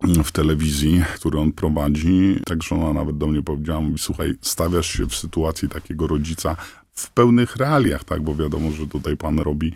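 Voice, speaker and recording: An anonymous father interviewed on radio answers hesitantly, his voice disguised and pitched down into a deep, gravelly tone. It's steady and a little mellow with no room sound, but halting, full of fillers and restarts.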